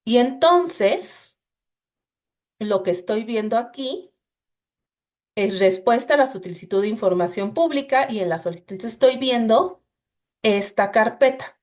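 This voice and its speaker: A woman leads a coding class over a shared screen. Her voice sits a bit high, and she walks students through each step in a patient, explanatory way, leaning on "entonces" as she goes. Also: expressive, a little slow, pauses often. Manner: explanatory, addresses students directly with frequent "entonces". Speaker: instructor.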